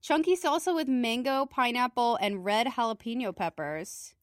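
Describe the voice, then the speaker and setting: A woman's voice: on the high side, moderate pace, no echo, clean studio sound. A woman co-hosting a casual snack taste test, with wry, sarcastic quips. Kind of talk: casual chat.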